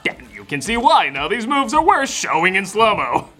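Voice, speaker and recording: A man's voice: high voice, very animated, moderate pace, bright, forceful tone, faint music behind. A man giving a sarcastic comedic film review, jumping into exaggerated mock voices.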